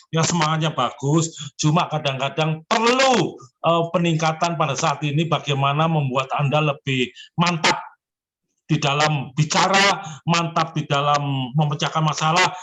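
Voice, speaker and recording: A man's voice: on the high side, normal speed, a bit bright, slight background noise. Encouraging man in his seventies. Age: 70s. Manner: encouraging and emphatic, often addresses the listener as sir. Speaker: zodiac fortune consultant. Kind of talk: giving personal readings on an online call.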